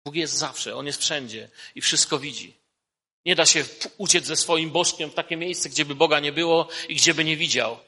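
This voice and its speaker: A man preaching a sermon, lifting his voice when he quotes scripture and dropping low and soft on key points. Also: moderate pace, slightly rough. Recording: long hall reverb.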